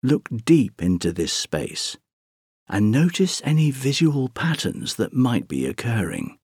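A man slowly guiding a sleep meditation, counting breaths in a soothing, drawn-out way with long pauses. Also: mid-range voice, very animated, darkish tone, husky, dry recording, clean studio sound. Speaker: meditation guide.

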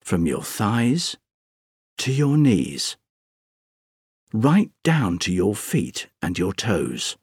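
A man narrating a scripted guided sleep meditation, speaking softly and breathily in a soothing, gentle, unhurried way with long pauses. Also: lowish voice, slightly rough, no echo, clean studio sound.

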